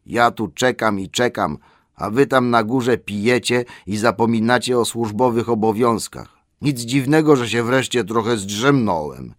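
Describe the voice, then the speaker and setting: A man's voice: medium pitch, unhurried, no room sound, studio quality, lightly acted. A man voicing a grumpy, drowsy old male elf butler in an audiobook, grumbling and scolding.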